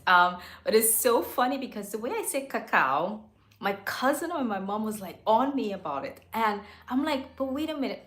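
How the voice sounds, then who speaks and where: A chatty woman talks straight to camera into a microphone in her home studio. She laughs often and corrects herself mid-sentence. Her pitch sits mid-range, and the room gives her voice a noticeable echo. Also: fairly bright tone. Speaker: livestream host. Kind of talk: casual face-to-camera chat. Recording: roomy echo.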